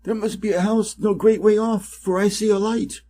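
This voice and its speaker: A man's voice: high-pitched, little pitch movement, moderate pace, mellow, voice pushed up. A man with an American accent voicing a proud, noisy farmyard rooster in a fairy tale, in a declamatory way. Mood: alert. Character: proud noisy farmyard rooster, indignant about ungrateful mistress.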